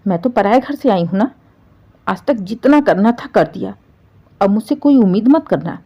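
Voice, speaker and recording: A woman's voice: medium pitch, lively intonation, moderate pace, breathy edge, dull audio. A woman voicing a young daughter-in-law who answers back coldly, defiantly and sarcastically.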